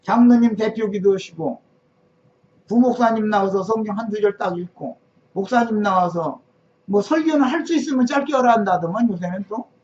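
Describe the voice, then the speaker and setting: A woman's voice: mid-range voice, normal speed, darkish tone. A woman preaching a sermon in an emphatic, sarcastic manner, firing off rhetorical questions. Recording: dull lo-fi recording.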